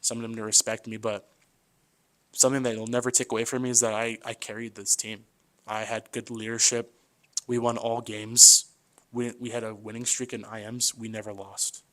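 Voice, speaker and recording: A man's voice: lowish voice, normal speed. A man in his twenties in a casual podcast conversation as the guest, chatty and loose, often calling the host "man" and acting out voices as he tells stories. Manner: lively storyteller who acts out quoted voices.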